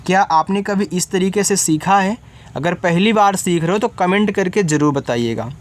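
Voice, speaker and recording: Guy with a high voice teaching english spelling, says the letters out slow then explains, keeps asking if you got it. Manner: keeps checking in with the learner. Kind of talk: spelling lesson for beginners.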